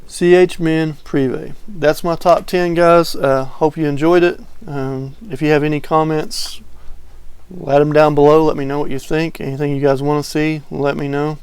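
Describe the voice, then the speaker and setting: Casual fragrance vlogger, male, gravelly and flat delivery, dry close sound. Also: a little high, normal speed, no echo. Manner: relaxed, rambling, many fillers. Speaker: fragrance reviewer. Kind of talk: casual video review.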